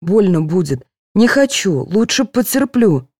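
A woman's voice: medium pitch, very animated, a little slow, a little mellow, no echo, clean studio sound. A woman doing a whiny young patient. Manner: whining, pleading.

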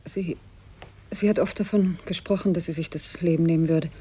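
A woman's voice: lowish voice, steady tone, moderate pace, dark tone, husky. An actress playing a frightened, guilt-stricken female witness in a 1950s radio drama, hesitant and half-whispering. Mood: fearful.

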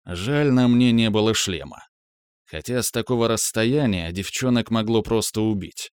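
A man reading a fantasy audiobook in the first person, his low voice smooth and resonant as he tells the story at a steady pace. The booth sound is dry and close, with no room around it. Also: normal speed, no echo. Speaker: audiobook narrator.

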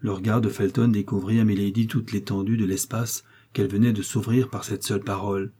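A man narrating an audiobook in a steady, measured reading. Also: lowish voice, breathy edge. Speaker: audiobook reader.

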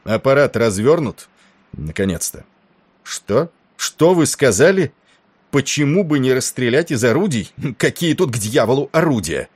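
Male narrator voicing an irate first officer; loud, clipped, cursing audiobook shouting. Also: fairly low pitch, lively intonation, moderate pace, dry recording, pitched above the performer's own voice. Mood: furious. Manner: shouting, barking orders. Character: furious middle-aged male naval first officer.

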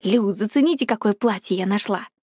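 A woman's voice: medium pitch, fairly quick, a little mellow, slightly rough, no room sound, studio quality, natural voice. A woman voicing a vain, stylish teenage schoolgirl with a sarcastic, showy manner in an audiobook. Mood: teasing.

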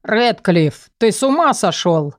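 A woman's voice: mid-range voice, animated, measured pace, no echo, studio quality, natural voice. A woman voicing an insolent, leering young male nobleman with a drawling, sneering way of talking. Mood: indignant.

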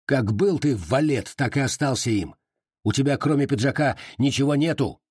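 A man's voice: medium pitch, moderate pace, a little mellow, slightly rough, no echo, clean studio sound, pitched above the performer's own voice, natural voice. A man reading the part of a grim, hot-tempered Cossack veteran in an audiobook, clipped and cold in delivery. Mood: furious.

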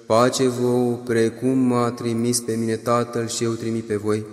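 A male reader voicing a calm, authoritative adult male teacher in a solemn, measured liturgical reading. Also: medium pitch, roomy sound, in a large hall, soft background music, close to an everyday voice. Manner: solemn, measured, partly chanted.

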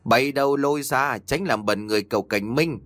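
A man voicing a bossy, quick-tempered old rich man in a spoken story. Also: lowish voice, lively intonation, no echo, soft background music. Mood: shouting. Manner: shouting, bossy.

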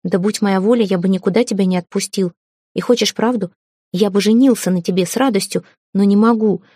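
A woman's voice: mid-range voice, fairly quick, warm tone, no room sound, clean studio sound, close to an everyday voice. A woman reading the part of a proud, hot-tempered young prince who turns from irony to stern pleading. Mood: earnest.

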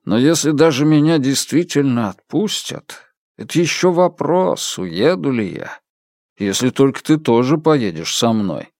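A man's voice: medium pitch, lively intonation, darkish tone, dry recording, clean studio sound. A man voicing a big, sentimental foreign pastor who turns wistful and sometimes blusters. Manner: slow, wistful, flares into blustering.

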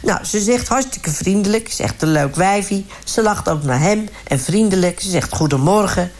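A woman's voice: mid-range voice, expressive, moderate pace, darkish tone, close to an everyday voice. Woman doing a chatty self-righteous village man. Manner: rambling, indignant, repeats "hartstikke" and "gewoon". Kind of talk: comic radio sketch.

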